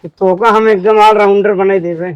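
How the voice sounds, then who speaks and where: Guy playing a pushy village drinking pal, high voice, awadhi accent, coaxing, comedy skit. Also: steady tone, normal speed, smooth, no echo, lo-fi sound, natural voice. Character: coaxing village drinking buddy, a man, mischievous. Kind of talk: comedy sketch acting in Awadhi.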